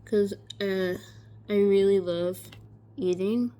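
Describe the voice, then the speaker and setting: A woman's voice: medium pitch, steady tone, slow, warm tone. A woman talking casually in a video diary with a stuffy nose and a stiff, swollen, barely opening jaw, sore after surgery. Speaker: vlogger recording a surgery recovery diary.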